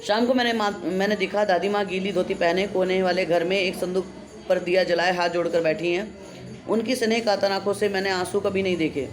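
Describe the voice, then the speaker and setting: A woman's voice: mid-range voice, fairly even intonation, fairly quick, over music. A woman school teacher reading a Hindi textbook chapter aloud to her class and explaining each passage in plain words. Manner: recites the text, then explains it plainly to the class. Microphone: online class recording.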